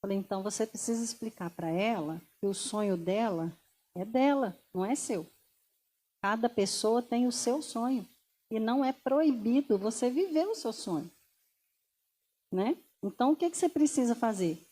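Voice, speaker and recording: Woman, Brazilian accent, motivational speaker, rather high voice, mellow tone, animated, rhetorical questions. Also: moderate pace. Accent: Brazilian Portuguese. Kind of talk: motivational talk to an audience.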